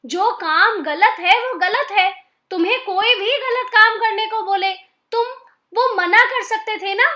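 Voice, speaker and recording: A woman's voice: extremely high pitch, bright, forceful tone, full character voice. Woman doing a firm, scolding crocodile wife. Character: sharp clever female crocodile wife, stern then kind.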